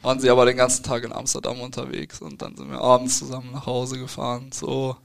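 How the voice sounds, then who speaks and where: A young man, a football player, answering interview questions in a relaxed, hesitant way with fillers and restarts. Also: mid-range voice, quick pace, gravelly.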